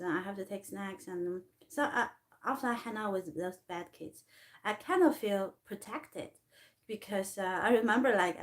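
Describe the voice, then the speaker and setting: A woman with a Chinese accent speaks English as a second language in a confessional vlog. Her talk is halting and full of fillers and restarts. Her voice sits at a middling pitch. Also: a little mellow. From China. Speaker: artist vlogger.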